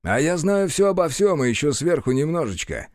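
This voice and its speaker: A man's voice: on the high side, very animated, a little fast, darkish tone, no echo, studio quality, pitched above the performer's own voice. A man playing a crude, bossy guardian who talks in a sarcastic, coarse way. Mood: gruff. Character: crude sardonic male guardian, bossy and mocking.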